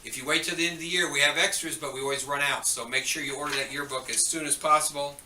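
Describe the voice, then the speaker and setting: A man's voice: fairly high pitch, steady tone, fast, bright, forceful tone, echoey room, far from the mic, slight background noise, rough recording. A man giving chatty, joking school morning announcements, turning stern when he scolds students, heard over the school intercom.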